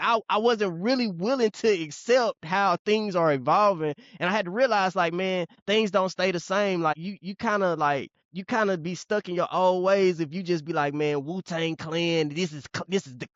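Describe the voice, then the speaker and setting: High-voiced man rambling in casual chat. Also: a bit bright, no room sound, lo-fi sound. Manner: rambling, repeats words, many fillers. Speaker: podcast co-host.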